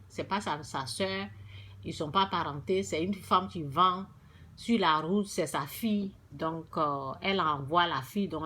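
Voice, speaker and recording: A woman's voice: mid-range voice, a bit bright. A woman giving an emphatic, repetitive religious testimony to her viewers. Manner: emphatic and repetitive, often restarting phrases.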